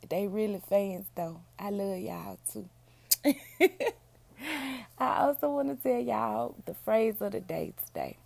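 Female solo podcaster, hoarse and gravelly, mellow delivery, down-home casual chat. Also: medium pitch, slow, pauses often, no echo. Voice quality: raspy. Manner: down-home, addresses listeners as y'all and baby. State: hoarse, feeling unwell. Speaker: podcast host, book reviewer.

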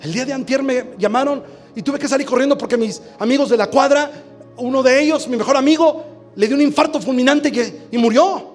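A man preaching a sermon as pastor, telling stories with acted dialogue and rising into shouted exhortation. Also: very high voice, fairly quick, faint music behind. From Mexico.

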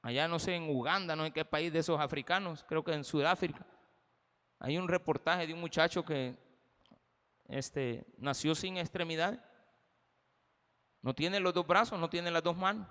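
Brief: impassioned Salvadoran male pastor, bright forceful voice, big echoing church. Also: fairly high pitch, moderate pace, long pauses. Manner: impassioned, addresses the congregation directly. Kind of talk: sermon.

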